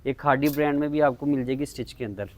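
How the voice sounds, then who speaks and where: A man presenting shop stock in an informal sales pitch, with repetitive patter about prices and items. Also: fast, a little mellow. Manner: repetitive selling patter, repeating prices and checking phrases. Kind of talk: informal sales pitch in a product showcase video.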